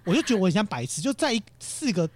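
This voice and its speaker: A man's voice: sits high, very animated, rapid-fire, no echo. A man, telling a story in casual chat and acting out the voices he quotes.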